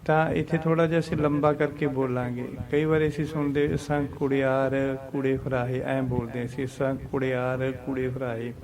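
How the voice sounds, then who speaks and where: A man teaching scripture pronunciation, patiently chanting verses slowly and explaining them. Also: medium pitch, little pitch movement, a crowd in the background.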